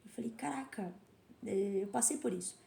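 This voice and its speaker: A woman's voice: mid-range voice, normal speed, darkish tone. A woman guest on a podcast, telling her story in a reflective, conversational way. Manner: reflective, storytelling with quoted self-talk. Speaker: podcast guest, karate teacher. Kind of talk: casual interview conversation. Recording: roomy echo.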